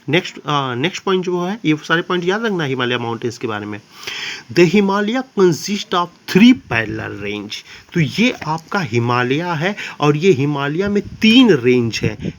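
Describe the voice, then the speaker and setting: A man teaching a geography lesson in a chatty classroom style, terms into his talk and often asking if it is clear. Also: fairly high pitch. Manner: chatty, addresses students as babu, asks "clear?".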